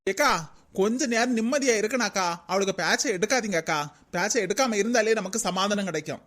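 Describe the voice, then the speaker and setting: A voice actor plays a weary young village woman in a comedy cartoon who grumbles and pleads for peace. She talks at a middling pitch with a Kanyakumari Tamil accent. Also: brisk, a bit bright, natural voice. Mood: pleading. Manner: pleading, complaining.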